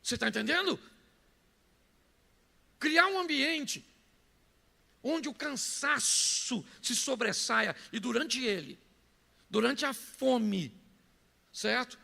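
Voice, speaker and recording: A man with a Brazilian Portuguese accent preaching a sermon, telling stories and breaking into shouts. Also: very high voice, animated, takes it slowly, gravelly, in a large hall. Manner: storytelling preacher who bursts into shouts. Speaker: pastor.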